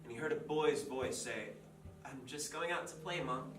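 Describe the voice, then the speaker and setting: An actor playing a writer who tells a dark fairy tale aloud in a measured, deliberate way, in a stage play. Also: male voice, mid-range voice, lightly acted. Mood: somber storytelling. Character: grim storyteller telling a dark fairy tale. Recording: echoey stage from far off, with music.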